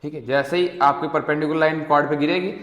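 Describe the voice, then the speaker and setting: Teaching math to students in a relaxed mix of Hindi and English, this young man poses questions, repeats them, and supplies the answers himself, often adding "theek hai?" He speaks fast at a fairly high pitch, with fairly even intonation and a fairly bright tone, and the room echoes with a long reverb.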